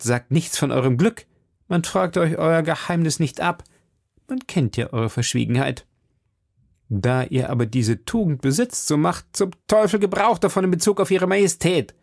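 A blustering, boastful musketeer with a loud, lively voice that leaps up and down, as a man puts him on. He lectures and booms with a gravelly edge. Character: boastful hot-tempered male musketeer.

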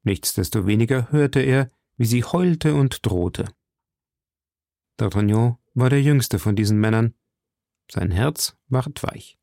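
A man reading a classic novel aloud as narrator in a slow, deliberate manner. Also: mid-range voice, gravelly, mellow, no room sound, studio quality. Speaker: narrator, audiobook reader.

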